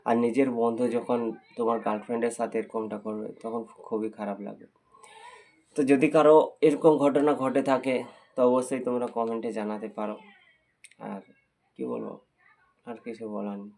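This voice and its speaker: A man's voice: mid-range voice, fairly even intonation, normal speed, pauses often, a little mellow. A young man telling viewers a personal story in a heartfelt, repetitive way. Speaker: vlogger.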